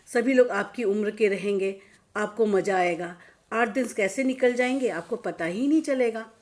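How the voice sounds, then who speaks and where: A woman's voice: mid-range voice, normal speed, a little mellow, natural voice. A woman voicing a cheerful grown daughter who coaxes her mother affectionately, in a storybook reading.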